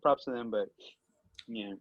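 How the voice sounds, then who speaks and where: Rambling young man, slightly muffled. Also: a little slow. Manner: self-deprecating, rambling storyteller. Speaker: guest, old friend. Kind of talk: casual chat between old friends.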